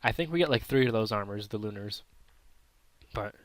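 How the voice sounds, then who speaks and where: A man's voice: on the low side, expressive, brisk, no room sound. Man commentating a game with a scratchy throat. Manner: thinking aloud, unsure, self-correcting. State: throat irritation, clearing throat. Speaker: gaming channel host. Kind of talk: casual gameplay commentary.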